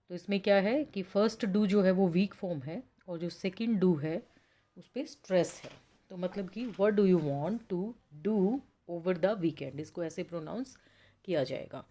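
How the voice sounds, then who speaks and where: An Indian woman teaches an English pronunciation lesson, her voice slightly low and mellow. She explains patiently, reading the English lines slowly and then walking her students through them. Her tone stays steady and instructional.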